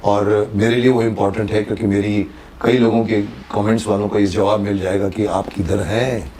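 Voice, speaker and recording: A man's voice: on the low side, level tone, brisk, warm tone, a little hiss or hum. An older man hosting an interview, mixing Hindi and English and acting out dialogue lines with shifting emphasis. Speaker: talk show host. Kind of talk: conversational interview with a film guest.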